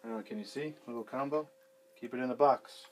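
With background noise behind him, a man in his thirties talks fast at a medium pitch while fixing a sink in a small basement room. It's a casual how-to video where the handyman keeps up a rambling running commentary and swears freely to a fixed camera a few feet away.

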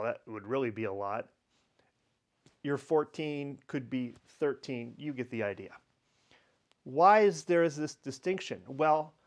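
A man hosting a wine tasting lesson, explaining in a relaxed, chatty way with pauses and fillers. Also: medium pitch. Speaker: wine educator host.

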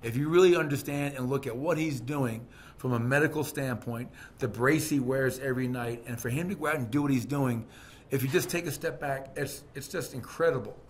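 A middle-aged man with an average-pitched voice answers questions after a game, seated at a press-room table with a desk microphone. He talks candidly and conversationally, with plenty of fillers and restarts. A faint hiss sits under the recording. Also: brisk. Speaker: basketball head coach. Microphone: desk microphone on a stand.

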